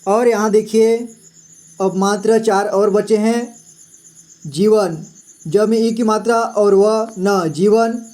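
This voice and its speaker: Taking it slowly in a steady, high, somewhat mellow voice, a man guides children through reading Hindi words. He spells each one letter by letter and says "ठीक है" a lot during this patient lesson.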